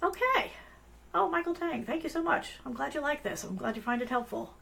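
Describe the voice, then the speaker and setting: With a high, gravelly, fairly bright voice and lively intonation, a woman briskly hosts a casual live-stream tutorial for her business analyst show. She is losing her voice and comes across as chatty and apologetic, using many fillers and restarts.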